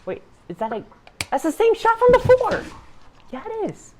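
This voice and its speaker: A male channel host gives a casual, chatty vlog reaction, rambling and mocking himself, laughing often and restarting his sentences. His voice is very high with wildly swooping pitch, spoken at normal speed over slight background noise.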